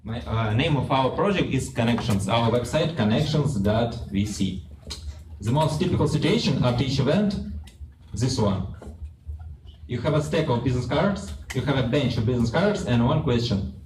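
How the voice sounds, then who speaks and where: A young man with a strong Russian accent presents a product to a room in simple, halting English. His pitch sits in the middle for a man. The recording is echoey and distant, with clear background noise. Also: animated. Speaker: startup presenter. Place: large open office event space, indoors.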